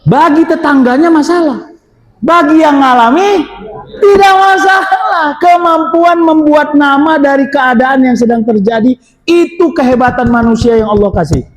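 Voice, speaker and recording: A male Islamic preacher gives a lively lecture full of stories, questions the audience, acts out quoted voices and sometimes bursts into shouts. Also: very high voice, moderate pace. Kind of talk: lively religious lecture with storytelling. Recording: echoey hall with long reverb.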